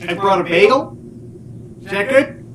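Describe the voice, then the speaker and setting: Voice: mid-range voice, animated, a little slow, fairly bright tone, slight background noise. Someone doing an awkward eager young man. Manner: awkward, giggly.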